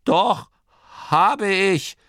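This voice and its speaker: A man's voice: high-pitched, measured pace, gravelly, dry recording, studio quality, voice pushed up, full character voice. A man doing a stammering old gnome man. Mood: insistent. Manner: excited, stammering storyteller.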